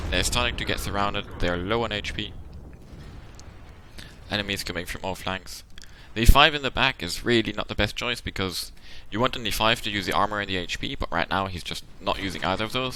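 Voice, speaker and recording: A deep-voiced man, recorded against a noisy background, runs his own channel and gives laid-back tactical commentary on a game replay. Thinking out loud, he lays out the options at length, and he comes across as weary and worn out.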